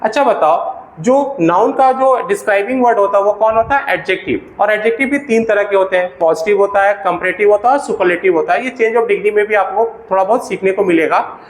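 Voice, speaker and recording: A man's voice: high-pitched, a little fast, roomy sound, low-quality recording. A man with an Indian accent teaching an English grammar lesson for exam preparation. He keeps asking questions and answering them himself. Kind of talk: classroom-style grammar lesson.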